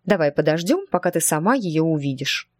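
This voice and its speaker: A woman's voice: deep voice, big pitch swings, brisk, dry recording. A woman voicing a fussy chatty witch. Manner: talkative, gently evasive. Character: fussy, chatty middle-aged witch teacher. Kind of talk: audiobook character voice.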